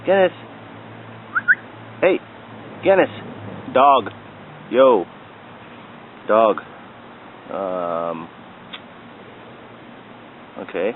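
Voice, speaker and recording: A man's voice: lowish voice, big pitch swings, very slow, pauses often. A man in his back yard talking playfully to his dog while filming it on a handheld camera. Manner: playful, coaxing baby talk to a dog. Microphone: handheld video camera. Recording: tinny lo-fi camera audio, faint outdoor noise.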